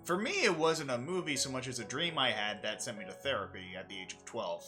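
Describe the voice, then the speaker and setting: A woman's voice: very deep voice, expressive, fairly quick, over music. A woman co-hosting a stream with casual, teasing and playful banter. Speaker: stream co-host.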